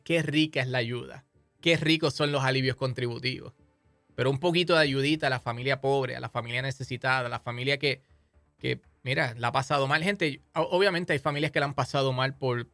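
A man's voice: medium pitch, bright, forceful tone, no echo. A man with a Puerto Rican accent hosting a podcast, delivering an impassioned, scolding political monologue. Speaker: podcast host.

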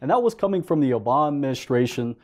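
A man on a casual panel, talking in a brisk, blunt, conversational way. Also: mid-range voice, big pitch swings, darkish tone. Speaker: panel co-host.

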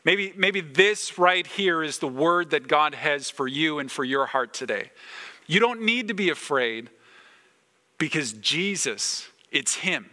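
A man preaching a sermon as pastor, earnest and emphatic, with dramatic pauses. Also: a little high, lively intonation, pushed and bright. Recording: long church reverb.

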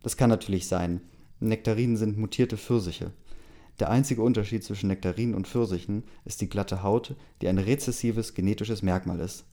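A man voicing a dry, know-it-all woman who owns a castle, speaking in a deadpan, lecturing way. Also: fairly low pitch, a little fast, close to an everyday voice.

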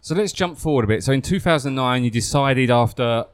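A man's voice: mid-range voice, a little fast, clean tone, no room sound. Joking male podcast host, dry sound. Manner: joking, teasing. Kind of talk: casual podcast interview.

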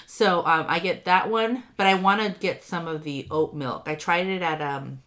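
A podcast co-host recapping a reality show, this woman sounds a little nasally congested. Her voice is fairly low and fairly bright, at a moderate pace, and her loose, chatty talk is full of ums, likes and easy swearing.

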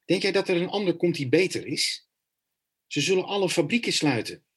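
A man's voice: high-pitched, animated, a little fast, a bit bright, husky, full character voice. An actor playing an anxious, defensive male teacher and father near sixty who stammers. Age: about 60. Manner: hesitant, stammering.

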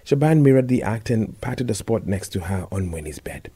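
A man reading a story aloud in a measured, scripted narration. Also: on the low side, animated, dark tone, breathy edge.

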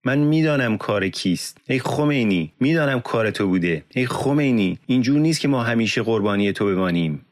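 A man's voice: lowish voice, very animated, pauses often, pitched above the performer's own voice. A man reading an audiobook, voicing a grieving widowed woman who cries out in defiant, raised pleas. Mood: anguished.

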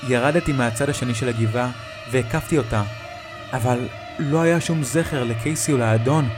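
A man telling a first-person creepy story in a tense, hushed retelling. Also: medium pitch. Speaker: narrator. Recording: music bed behind the voice.

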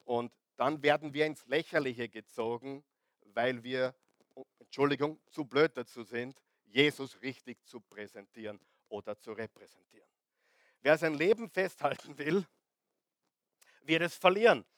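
A middle-aged man preaching a lively sermon to a congregation, often asking the crowd questions and swinging between loud and soft. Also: medium pitch, measured pace, dry recording. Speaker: pastor.

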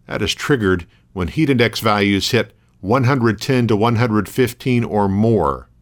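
A man hosting a local radio news program, reading scripted items in a measured, matter-of-fact way. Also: on the low side.

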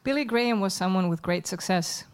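A woman's voice: medium pitch, a little fast. A woman giving a live spoken translation of a sermon in church, hesitant and searching for words as she goes. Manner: hesitant, searching for words with fillers and self-corrections. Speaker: interpreter.

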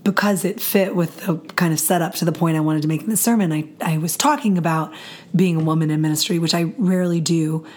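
A woman pastor talks casually on a podcast in a hoarse, raspy voice that has nearly given out. She sits low for a woman and keeps a wry, talkative manner. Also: quick pace, darkish tone. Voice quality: raspy, husky from voice loss.

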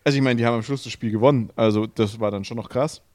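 A man's voice: mid-range voice, racing, dry recording, studio quality. A man co-hosting a casual podcast, telling stories with jokes and plenty of swearing. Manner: joking, swears freely, animated storytelling. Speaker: podcast co-host.

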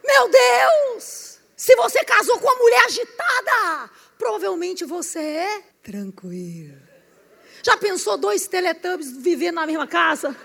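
A Brazilian woman preaching a lively sermon in a church hall, acting out little scenes and rising into shouted emphasis. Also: very high-pitched, a little slow, vocal fry. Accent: Brazilian Portuguese. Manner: animated, switching voices, rising into shouted emphasis. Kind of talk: lively sermon with acted-out anecdotes. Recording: reverberant hall.

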